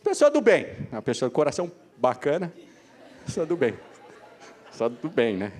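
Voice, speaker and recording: A man from Brazil delivers a motivational talk, his voice sitting a little high and leaping about with lively swings of pitch. He jokes with the crowd and talks straight to them. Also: normal speed. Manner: animated, joking, addresses the audience directly. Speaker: motivational speaker. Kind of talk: live motivational talk to an audience. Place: council chamber hall.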